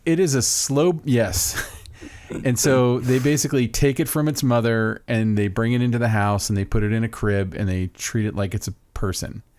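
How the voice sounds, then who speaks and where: Speaking at a moderate pace in a steady, medium-pitched, somewhat dark voice, this man co-hosts a podcast and rambles excitedly about a favorite film, often interrupting himself. The sound is dry.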